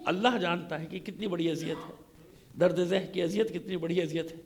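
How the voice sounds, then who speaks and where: In a congregation hall, a Pakistani Shia preacher addresses a gathering with an impassioned, emphatic and repetitive sermon laced with rhetorical questions. His voice sits high, his tone is steady, and his pace is brisk.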